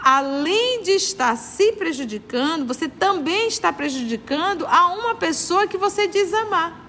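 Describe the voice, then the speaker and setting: A woman's voice: high-pitched, pushed and bright, big-room sound, slight background noise. A woman with a Brazilian accent from Manaus leading a spiritist study group, earnest and moralizing, repeating her points for emphasis. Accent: Brazilian Portuguese, Manaus.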